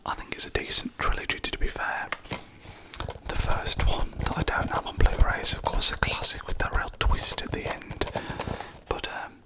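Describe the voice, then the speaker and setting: An adult ASMR creator talking in a soft, unhurried whisper, often pausing on "um" and "yeah". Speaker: ASMR creator reviewing own film collection.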